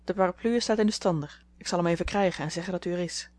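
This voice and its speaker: A brisk, curt young woman rattles off her words brusquely, as a woman reading a storybook aloud voices her. She sounds quick and offhand, with a slightly low voice. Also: a little mellow, lightly acted.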